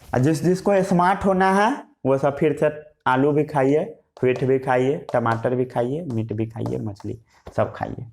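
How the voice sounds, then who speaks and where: A man's voice: medium pitch, unhurried, vocal fry, darkish tone. A male teacher giving a science lesson, asking questions and answering them himself, repeating key words while he writes. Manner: repetitive question-and-answer teaching, writing as he talks. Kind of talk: Hindi science lesson with English terms.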